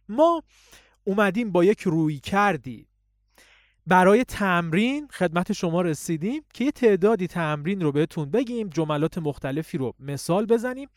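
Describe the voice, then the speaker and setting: A man's voice: darkish tone, no echo, clean studio sound. A man teaching public speaking, explaining techniques and reciting poetry to show them. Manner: swings voice high and low in drills. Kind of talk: spoken lesson with recited examples.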